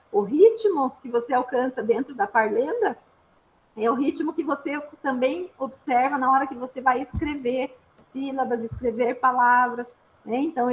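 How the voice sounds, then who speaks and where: A woman's voice: high voice, fairly bright tone, slight background noise, rough recording. A woman speech therapist with a Brazilian accent, giving an informal, patient explanatory talk with frequent little tag questions. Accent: Brazilian Portuguese.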